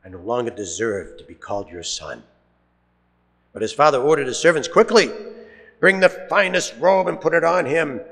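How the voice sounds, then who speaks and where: A man's voice: animated, fairly bright tone. Man's Gospel reading in cathedral echo. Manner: measured reading, letting phrase ends drop low and slow. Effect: cathedral echo, long church reverb. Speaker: priest reading the Gospel at Mass. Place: large church. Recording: long reverb of a large church.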